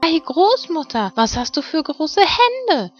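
A woman's voice: mid-range voice, expressive, moderate pace, husky, dull audio, faint music behind, voice pushed up. A woman voicing an innocent, trusting little girl in a fairy tale, artless, eager and full of wonder. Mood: wondering, uneasy. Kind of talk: fairy-tale storybook reading.

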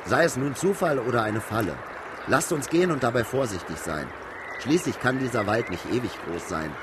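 An earnest, cautious adventuring leader played by a man with a mid-pitched, animated voice. He sounds thoughtful and deliberate in a fantasy audio play, with clear ambience behind him. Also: crowd noise, noisy background, close to an everyday voice. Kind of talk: fantasy audio drama acting.

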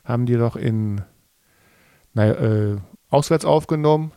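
A man's voice: medium pitch, unhurried, warm tone, clean tone, dry recording, studio quality. A middle-aged man co-hosting a podcast with his son, rambling in casual chat and searching for details as he goes. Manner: rambling, searching for facts as he talks. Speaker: podcast co-host, father of the host.

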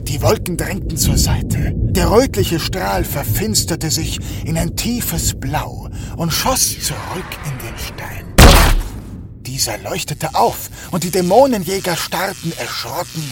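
Slow-paced male story narrator. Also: on the high side, expressive, over loud music. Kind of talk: dramatic scripted narration.

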